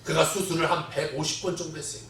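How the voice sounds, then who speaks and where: A man with a high voice preaches a Sunday sermon, telling a story and acting out its characters, often swinging from quiet asides to loud proclamations. He sounds distant from the microphone, and his words ring through a reverberant church sanctuary. A faint hum of room noise sits underneath. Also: fairly even intonation, fast. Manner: storytelling, quotes voices with dramatic swings in loudness. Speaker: pastor. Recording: echoey church hall, distant mic.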